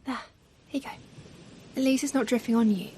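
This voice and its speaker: Here the ASMR performer sounds close to her everyday voice, on the high side and fairly quick, while playing a doting, tender mother who comforts her pet with playful self-deprecation. The mood is playful and cosy, her tone soft, affectionate and murmuring, occasionally dipping to a near whisper. Steady ocean waves sound in the background.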